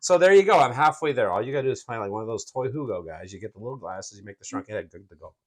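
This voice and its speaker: A man's voice: mid-range voice, animated, racing. A man hosting a casual chat, joking playfully and chiming in often. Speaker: host.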